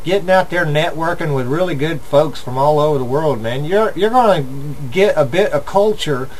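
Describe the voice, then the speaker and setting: An older man with a fairly high-pitched voice and an Appalachian hillbilly accent. He chats as a radio host in a folksy, earnest, philosophizing ramble. There is some faint noise on the home recording. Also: animated, normal speed, low-quality recording. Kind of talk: casual chat.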